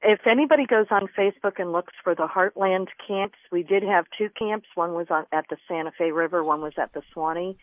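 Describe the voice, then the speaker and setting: A woman's voice: lowish voice, a little fast, hardly any pauses, dry recording. A woman from Florida, a journalist and environmentalist, explaining earnestly as a radio interview guest over the phone. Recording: tinny phone line.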